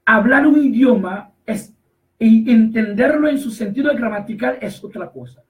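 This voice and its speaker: A man preaching a sermon, emphatic and repetitive, slowly reading scripture verses and then explaining them. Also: very high-pitched, expressive, distant mic, low-quality recording. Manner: emphatic, repetitive, rises to shouts on key phrases.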